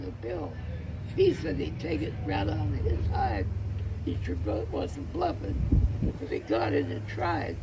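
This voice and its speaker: A man with a folksy cowboy drawl, reciting rhyming cowboy poetry like a storyteller in a gravelly voice. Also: high voice, background noise.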